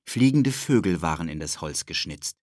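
A man narrating a children's audiobook with expressive storytelling. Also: low-pitched, normal speed, no echo, clean studio sound.

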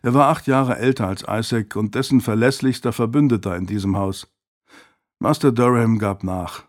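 A man calmly narrating a historical novel as an audiobook. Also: on the low side, normal speed. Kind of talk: scripted narration.

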